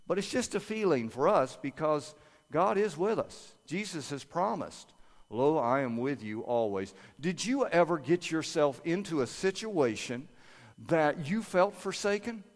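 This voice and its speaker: An older man preaching a sermon and praying aloud, earnest, moving from quiet prayer to lively storytelling. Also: on the high side, measured pace. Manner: earnest, prays aloud softly then preaches with rising energy. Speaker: pastor. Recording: long reverb of a large hall.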